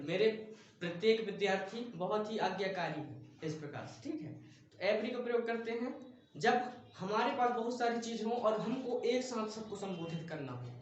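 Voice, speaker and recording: A male English teacher giving a patient vocabulary lesson, explaining each word with simple examples and short check-ins after every point. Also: sits high. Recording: very echoey room, distant mic, faint noise.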